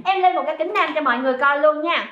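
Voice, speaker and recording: Woman selling on a livestream, high bright voice, talks super fast, echoey dull room. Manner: chatty, reads viewers' comments aloud, teasing. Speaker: livestream seller. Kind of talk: livestream sales pitch.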